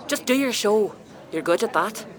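An actress playing a sharp-tongued, scheming barmaid who teases and swears, drawing out her punchlines. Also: mid-range voice, lively intonation, some chatter behind, lightly acted. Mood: teasing. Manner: teasing, swearing, drawn-out punchlines. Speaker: bar worker.

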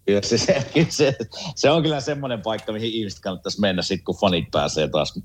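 A man talking hockey in an easygoing, relaxed way as a guest on a casual sports chat. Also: on the low side, a little hiss or hum.

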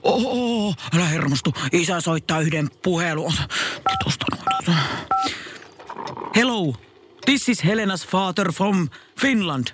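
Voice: mid-range voice, animated, very noisy, lightly acted. Someone playing an anxious, indulgent father. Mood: soothing flustered. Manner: soothing, anxious, flustered.

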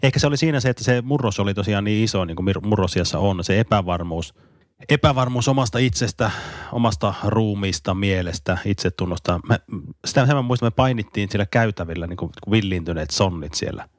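A man with a deep voice co-hosts a casual podcast. He is recorded dry and close. He reminisces thoughtfully and laughs easily. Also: no echo. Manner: reflective storyteller, laughs easily. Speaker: podcast co-host, teacher.

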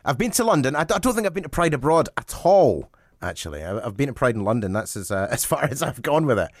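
A Scottish radio co-host banters warmly and asks questions in a casual chat, laughing often. His mid-range voice swings widely in pitch and moves at a quick pace. The recording is studio quality with no room sound.

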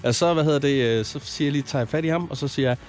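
A man's voice: fairly high pitch, faint music behind. A man in his thirties from Zealand, a radio host telling a weekend story in casual chat, full of fillers and restarts. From Zealand, Denmark.

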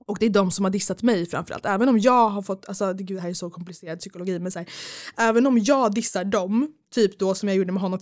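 A woman's voice: mid-range voice, dry recording, studio quality. A young woman, telling a story in casual podcast chat, acting out quotes and swearing freely.

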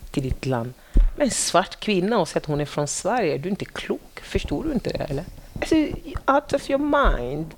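Gravelly woman police officer, animated storyteller. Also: on the low side, a little hiss or hum. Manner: animated storytelling, acts out quotes, repeats words. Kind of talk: casual conversation.

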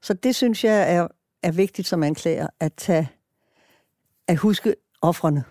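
A woman's voice: lowish voice, mellow, dry recording, clean studio sound. A middle-aged woman prosecutor talking earnestly and reflectively in a documentary interview, often restarting her sentences.

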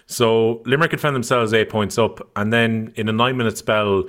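A man's voice: lowish voice, fairly even intonation, fairly quick, fairly bright tone. A man with an Irish accent hosting a sports discussion in a conversational style. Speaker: sports show host.

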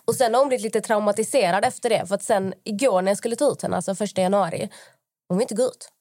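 A woman's voice: medium pitch, darkish tone, no room sound. Dry-voiced young woman rambling casually. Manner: rambling storytelling with many fillers and acted-out quotes. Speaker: podcast co-host. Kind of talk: casual chat.

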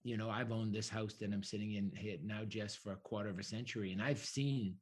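A man's voice: fairly low pitch, fairly even intonation, brisk, husky. A middle-aged man giving explanatory interview answers, building points through emphatic repetition and lists. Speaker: broadband executive interviewee.

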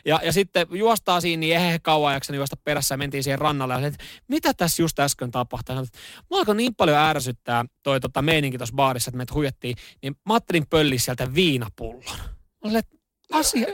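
A man's voice: on the high side, dry recording, studio quality. A man hosting a radio morning show, telling stories in casual chat with lots of fillers and restarts. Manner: animated storytelling, acts out shouts in the story.

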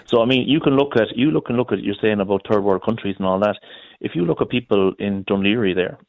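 A middle-aged man with a Galway, west of Ireland accent speaks in a fairly low voice. He is colloquial and emphatic as a phone-in caller, and the call sounds dry and a little dull. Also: fast talker, gravelly, no room sound. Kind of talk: informal opinionated talk.

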